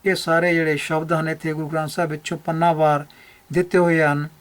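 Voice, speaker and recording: A man gives a teaching lecture about pronunciation, laying out each rule step by step. He talks methodically, restating the key points to drive them home. His voice sits a little high for a man. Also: flat delivery, brisk. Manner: methodical, repeats key rules for emphasis. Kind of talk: explanatory lecture over slides.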